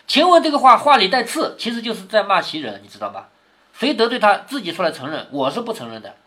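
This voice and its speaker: A man's voice: sits high, pushed and bright. A man reading a classic novel aloud to his daughter, explaining it with lots of rhetorical questions. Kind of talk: storybook reading with commentary.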